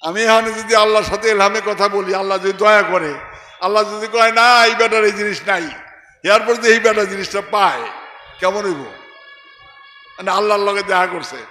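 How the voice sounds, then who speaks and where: A man from Bangladesh, preaching an emphatic, sing-song religious sermon that shifts between shouting and murmuring. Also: high voice, fairly even intonation, normal speed, reverberant, long reverb tail. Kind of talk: Bengali religious sermon, storytelling with quoted voices.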